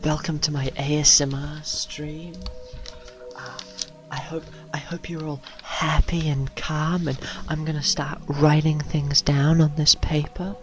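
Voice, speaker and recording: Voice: medium pitch, flat delivery, a little slow, faint music behind. A streamer chatting during a live game stream, joking and rambling in a self-mocking way.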